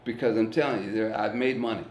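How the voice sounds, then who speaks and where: A man's voice: lowish voice, fairly even intonation, quick pace, a little hiss or hum. A man from East St. Louis, Illinois, a guest comedian talking earnestly and plainly in a casual reflective conversation. He swears casually and repeats words while thinking. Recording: roomy echo.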